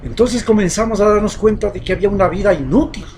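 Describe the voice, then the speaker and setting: Talking fast in a high-pitched voice, an Ecuadorian-accented man delivers a fervent, rhetorical commentary on society, moving from loud bursts to hushed remarks. There's a little hiss or hum on the recording.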